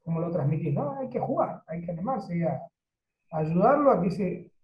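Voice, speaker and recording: A man's voice: high voice, animated, moderate pace. Man, Argentine accent, course host, hesitant, repeats words, roomy echo, muffled call sound. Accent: Argentine Spanish. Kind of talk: conversational discussion. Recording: echoey, dull video call audio.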